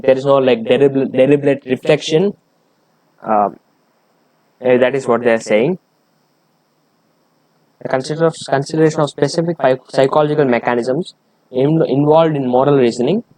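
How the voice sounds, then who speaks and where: A man's voice: mid-range voice, a little mellow, no echo, poor audio. A man reading a research paper aloud and explaining it, hesitant, with many fillers and restarts.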